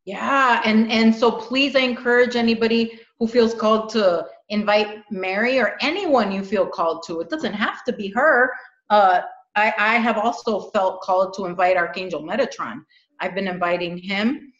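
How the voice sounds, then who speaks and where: A middle-aged woman co-hosting a spiritual podcast chats casually but earnestly and animatedly, often repeating her words. Her voice is mid-range and fairly bright, and she speaks at normal speed. The room echoes and the sound is dull and lo-fi.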